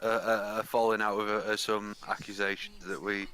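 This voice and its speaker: A man voicing a brash adventurer in a tabletop game, loud and demanding. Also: fairly low pitch, level tone, moderate pace, clean tone. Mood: evasive. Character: brash, grudge-holding adventurer.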